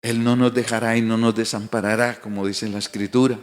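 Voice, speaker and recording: A man's voice: fairly low pitch, level tone, fairly quick. Preaching man in a reverberant church. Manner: preaching with rising emphatic declarations and rhetorical questions. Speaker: pastor. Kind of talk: sermon. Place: church sanctuary.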